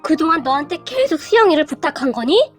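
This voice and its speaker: A woman's voice: high-pitched, sing-song, fast talker, faint music behind. A woman voicing a stern older mother-in-law who scolds firmly. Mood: stern, scolding. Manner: firm, scolding.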